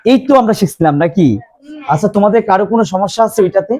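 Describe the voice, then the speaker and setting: Man, teacher, classroom grammar lesson, mellow dark tone, drills questions to students. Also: high voice. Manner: slow, repeats questions to the class. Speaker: English teacher.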